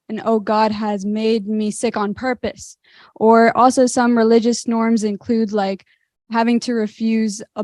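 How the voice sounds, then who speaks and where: Teen girl presenting, filler-heavy, a bit high. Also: darkish tone, no room sound, clean studio sound. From Maryland. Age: teens. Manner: loose, with fillers like "um" and "like". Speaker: student presenter. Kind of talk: group presentation.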